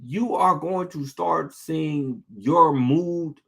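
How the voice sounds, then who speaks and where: High-voiced preacher guy, casual sermon, talks slow, lots of "how hard is that?" questions. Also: gravelly. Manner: conversational, street-casual preaching with rhetorical questions; reads scripture slowly and deliberately. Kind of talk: informal sermon with scripture reading.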